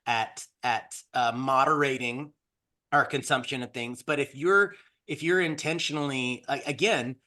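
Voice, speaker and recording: A man's voice: medium pitch, measured pace, pushed and bright. A man co-hosting a podcast, chatting casually and rambling through his points with many restarts. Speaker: podcast co-host. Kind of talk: casual discussion.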